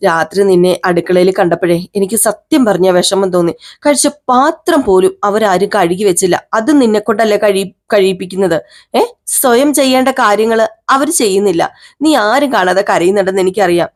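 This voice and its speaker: A woman's voice: medium pitch, lively intonation, a little fast, natural voice. A woman voicing a caring young husband who coaxes his wife fondly and scolds her in mock sternness.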